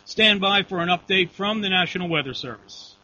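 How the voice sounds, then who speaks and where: Over dull radio audio carrying a faint hum, a man with a high, brisk voice handles net control on an amateur storm net in formal, by-the-book phrasing.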